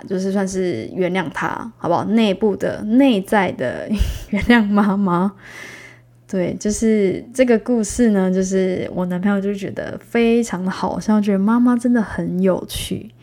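A woman's voice: mid-range voice, a little mellow. A young woman with a Taiwanese Mandarin accent tells a personal story to her audience. She talks in a chatty, casual way, laughs along as she goes, and acts out the voices of the people she quotes.

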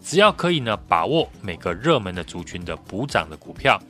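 A male analyst with a Taiwanese Mandarin accent explains the market in a prepared commentary. His voice is fairly low yet bright and forceful, with lively rises and falls. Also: fairly quick, soft background music. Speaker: stock market analyst, guest.

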